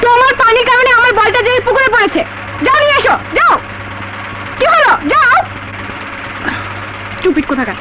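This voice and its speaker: খুব চড়া গলার দাম্ভিক তরুণী. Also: female voice, very high-pitched, noisy background. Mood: shouting, bossy, then angry, commanding. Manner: imperious scolding, mixing English commands into Bangla. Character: haughty, bossy young rich woman scolding her servant. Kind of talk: melodramatic Bangla film acting.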